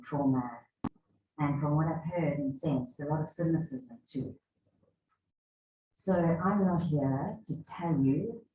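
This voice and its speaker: Speaking with a South African accent, this wellbeing speaker in her forties addresses a doctors' conference in a conversational keynote and asks the audience questions. Her voice sits low and has a warm tone. Slight background noise and faint ambience fill the echoey conference hall.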